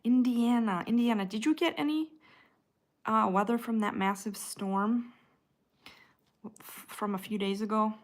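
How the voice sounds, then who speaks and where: On a casual livestream, this Midwestern American woman reads her chat aloud and answers each viewer by name as she goes. She speaks a little slowly in a higher voice, pausing often.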